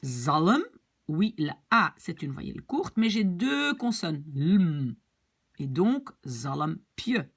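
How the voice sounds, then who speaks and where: A woman teaches a grammar lesson in a slightly husky voice. She talks slowly and patiently, with a lively, rising and falling pitch, and keeps circling back to check that her students follow. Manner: patient, repeats key rules, checks understanding. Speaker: language teacher. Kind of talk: explanatory lesson.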